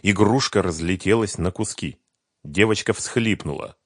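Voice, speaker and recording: A man narrating an audiobook in measured storytelling. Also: low-pitched, no echo, studio quality.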